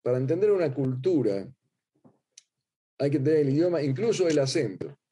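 A man's voice: a little high, big pitch swings, a little fast, mellow, slightly rough. A middle-aged man with an Argentine Spanish accent, a rabbi giving a religious lecture in a sing-song, teacherly way, often repeating words as he searches for them.

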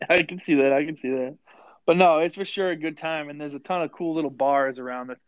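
A man's voice: a little high, fairly quick, dry recording. A man hosting a casual podcast interview, asking questions and laughing often. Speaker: podcast host. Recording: dull lo-fi audio, dry.

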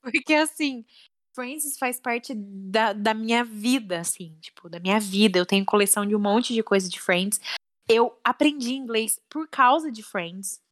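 A woman's voice: a little high, a little slow. A young adult woman in a casual chat, talking emotionally with lots of fillers.

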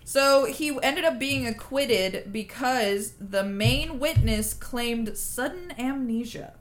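Animated woman telling a true crime story. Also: fairly high pitch, slow pace. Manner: animated, swearing, laughing storyteller. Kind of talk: casual true crime podcast chat.

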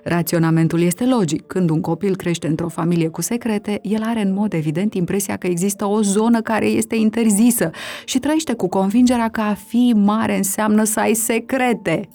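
A woman's voice: medium pitch, fairly even intonation, warm tone, faint music behind. A woman interviewing a guest, reasoning aloud and often affirming with short agreements. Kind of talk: interview conversation.

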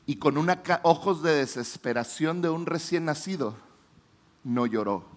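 A Mexican man in his forties preaching a sermon as a pastor, telling stories dramatically, swinging from loud declarations to hushed lows. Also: normal speed.

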